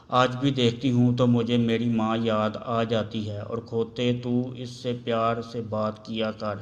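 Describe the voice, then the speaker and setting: A man's voice: medium pitch, close to an everyday voice. A man voicing a kind, wise older mother-in-law who talks in a motherly, coaxing way in a storybook reading.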